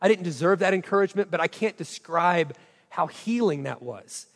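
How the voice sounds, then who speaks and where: High-voiced man in his forties, animated storyteller. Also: moderate pace, long reverb tail. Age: 40s. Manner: acts out quoted dialogue expressively, self-mocking.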